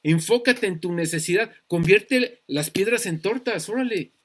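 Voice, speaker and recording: A man's voice: high voice, moderate pace. A man voicing the devil as a persuasive male tempter. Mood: coaxing.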